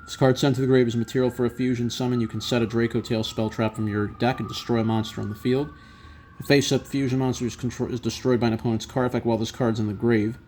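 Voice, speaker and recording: A man's voice: mid-range voice, flat delivery, fast talker, darkish tone. Man doing casual pack-opening commentary, background noise. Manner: reads out card names and effects, then gives brief reactions. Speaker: trading card collector presenting a box opening.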